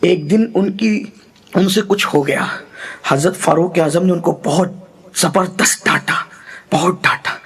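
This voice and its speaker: High-voiced emotional Urdu preacher. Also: male voice. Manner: emotional, rising pitch and slowing for poetry. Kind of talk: sermon storytelling.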